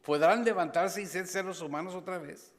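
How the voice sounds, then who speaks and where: Impassioned preacher in a reverberant church. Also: male voice, high-pitched, moderate pace. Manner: impassioned, swings between loud exhortation and hushed asides; slips briefly into English phrases. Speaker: pastor. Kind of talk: sermon.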